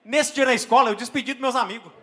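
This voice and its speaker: A Brazilian man with a Brazilian Portuguese accent doing stand-up comedy and telling an animated story on a live stage, with exaggerated exclamations and acted-out scenes. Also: very high-pitched, quick pace, a little hiss or hum. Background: faint audience laughter.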